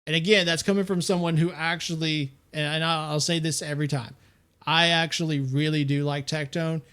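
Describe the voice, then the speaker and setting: A male streamer giving blunt, opinionated commentary, his voice sitting a bit high. He leans hard on his words when he makes a point. It is casual stream talk. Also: fairly even intonation, a little fast, a bit bright, clear, resonant tone. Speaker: streamer commentating on other creators.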